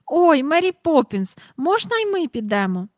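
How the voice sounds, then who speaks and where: A woman's voice: sits high, very animated, moderate pace, no echo, clean studio sound, voice pushed up. A woman voicing an eager, bouncy little girl in a storybook reading. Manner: bouncy, pleading.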